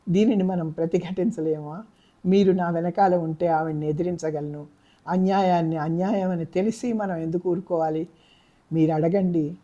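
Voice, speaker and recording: A woman's voice: sits low, mellow, dull audio. A woman reading a novel aloud, voicing a distraught young daughter who pleads through tears. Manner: pleading, tearful.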